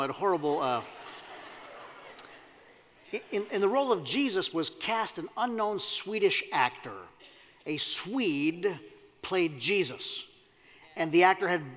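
A man delivers a sermon in a church sanctuary, his voice sitting high for a man. He keeps it conversational, often putting questions out to the congregation. A long reverb trails each phrase. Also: a bit bright. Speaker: pastor.

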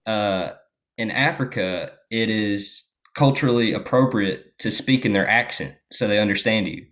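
A young American guest in a casual chat tells a story in a relaxed way, packing it with fillers. His voice is fairly low and his speed is normal.

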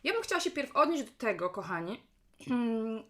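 A woman's voice: fairly high pitch, sing-song, moderate pace, fairly bright tone. A woman with a chesty cough, chatting casually to viewers on a live stream and often addressing them directly. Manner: chatty, repeatedly checking in with questions to listeners. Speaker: live-stream host, business coach and speaker. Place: at home, indoors.

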